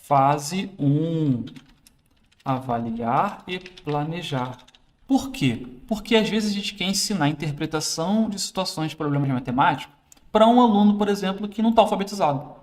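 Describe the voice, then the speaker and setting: A man, a teacher trainer, explaining a classroom teaching aid in a casual instructional demo, pausing to correct himself as he handles it. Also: on the high side, lively intonation.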